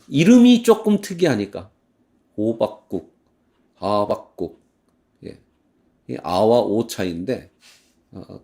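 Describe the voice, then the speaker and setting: A male pastor giving a sermon in church, animated, acting out heated complaints and now and then singing a hymn slowly. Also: medium pitch.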